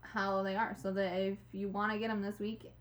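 A woman's voice: mid-range voice, flat delivery, normal speed. A woman co-hosting a casual podcast, steering the talk and reading out the list of items. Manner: steers the segment, reads out the list. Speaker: podcast co-host. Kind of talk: casual chat. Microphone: podcast mic.

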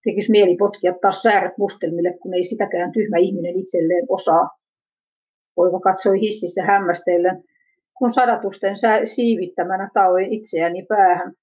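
Woman, husky mid-range voice, reads a searching first-person narrative; muffled low-fidelity sound. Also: fairly even intonation, darkish tone. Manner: introspective, self-questioning. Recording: dull lo-fi recording.

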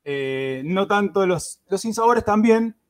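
This gaming podcast host, a native Spanish speaker, has a high-sitting voice with lively intonation and a slow pace. His casual talk is hesitant, full of fillers and restarts.

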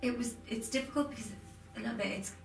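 A woman's voice: fairly high pitch, fast. A woman in her twenties with a Durham accent from north-east England, chatting casually as an interview guest. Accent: Durham, north-east English. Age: 20s. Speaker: interview guest, aspiring film and TV editor. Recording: roomy, distant mic, music underneath.

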